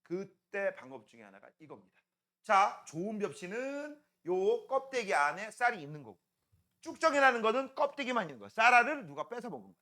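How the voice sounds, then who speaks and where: A middle-aged man teaching a middle school science class in a chatty way. He keeps asking his students quick questions and then answers them himself, and he now and then acts out playful voices for his jokes. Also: high-pitched, big pitch swings, pushed and bright. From Korea. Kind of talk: classroom lecture.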